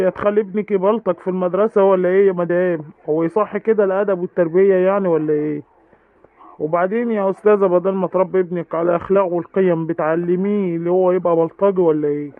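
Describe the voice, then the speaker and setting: Egyptian man, reproachful principal, quick talker, dry close sound. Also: high voice, fairly even intonation, no room sound. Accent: Egyptian Arabic. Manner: lecturing, reproachful. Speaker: school principal. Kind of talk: comedy sketch acting. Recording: tinny phone-like dry sound.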